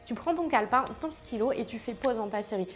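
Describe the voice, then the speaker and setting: A woman teaching languages in a casual, chatty way, often pausing with fillers and speaking straight to the viewer. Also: on the high side, lively intonation, soft background music. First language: French. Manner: chatty, many fillers, addresses viewer directly. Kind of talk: casual explanatory lesson.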